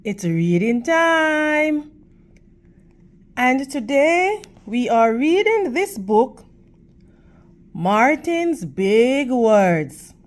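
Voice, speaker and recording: A woman hosting a children's read-aloud storytime reads a picture book in a teacherly way, with deliberate, emphatic phrasing and questions for her young listeners. Her voice sits high and swings widely in pitch.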